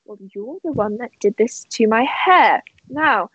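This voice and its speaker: A woman's voice: on the high side, animated, measured pace, fairly bright tone, breathy edge, no room sound, exaggerated voice, poor audio. A woman voicing a stern, knowing fantasy woman who speaks curtly and issues firm warnings. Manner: curt, warning.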